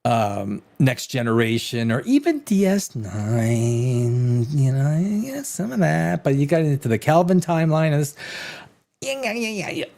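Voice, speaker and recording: Hosting a relaxed talk show, this middle-aged man who grew up in Canada speaks unhurriedly in a slightly high voice with vocal fry. His delivery is rambling and lively, with restarted sentences and moments where he sinks to a near whisper.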